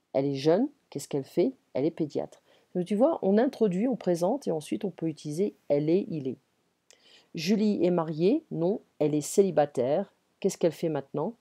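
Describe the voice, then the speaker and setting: Low-voiced woman teaching French. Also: warm tone. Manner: patient, reads example sentences, checks with d'accord. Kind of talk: one-on-one French grammar lesson.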